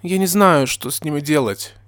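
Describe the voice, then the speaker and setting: A man's voice: medium pitch, big pitch swings, normal speed, breathy edge, no room sound, clean studio sound. A man voicing an anxious, hesitant young girl who is wary of strangers. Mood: worried.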